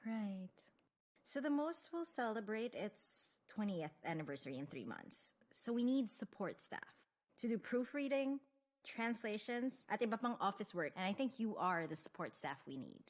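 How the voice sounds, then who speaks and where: A woman dubbing a brisk, businesslike magazine boss who explains things in a matter-of-fact way. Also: medium pitch, sing-song. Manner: brisk, explanatory, mixing English in.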